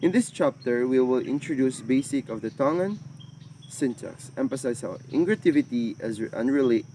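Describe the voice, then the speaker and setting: A man giving a language lesson, drilling syllables slowly and carefully with halting phrasing. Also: medium pitch, expressive, warm tone, a little hiss or hum. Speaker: language student presenter.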